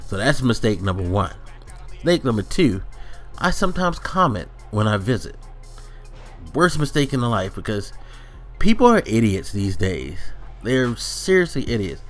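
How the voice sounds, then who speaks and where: A man's voice: on the low side, big pitch swings, moderate pace. A middle-aged man giving a casual, slangy back-in-my-day old-man rant to his online viewers, grumbling and exasperated. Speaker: online video ranter. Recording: music playing under the voice. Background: background music.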